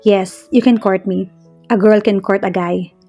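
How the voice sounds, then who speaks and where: A woman voicing an earnest young man who speaks slowly and softly to the woman he loves. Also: mid-range voice, steady tone, soft background music. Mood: tender. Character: tender, earnest young man courting his love.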